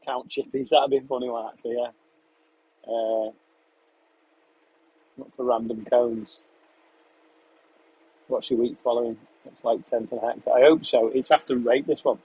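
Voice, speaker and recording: A young English farm contractor talks in a husky, breathy voice at an everyday pitch. He is relaxed and chatty, reading out viewer questions and narrating his job as he goes. He is speaking from inside a tractor cab. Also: normal speed, long pauses, rough recording. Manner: relaxed, chatty, answers questions between running commentary on the job. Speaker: farm contractor live-streaming while spraying a field. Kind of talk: casual live-stream chat reading viewer questions.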